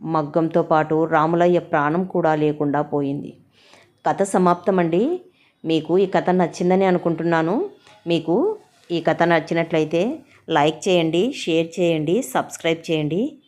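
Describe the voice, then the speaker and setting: A woman narrating a village story in a steady, plain way, with a Telangana Telugu accent. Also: sits low, moderate pace.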